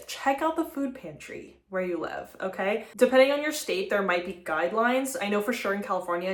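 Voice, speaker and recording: Female vlog host, casual chat, mid pitch, roomy echoing sound. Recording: echoey room sound.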